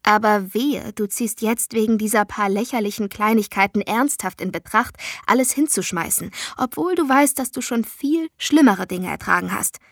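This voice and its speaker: A woman voicing a fierce, blunt young female friend who swears and talks forcefully. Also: medium pitch, normal speed, few pauses, no room sound, clean studio sound, natural voice. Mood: insistent.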